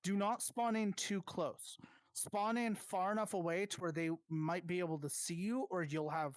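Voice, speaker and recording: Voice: mid-range voice, steady tone, no echo. Dry-voiced game master giving directions. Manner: gives quick instructions, restarts often. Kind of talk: casual voice chat running an online roleplay.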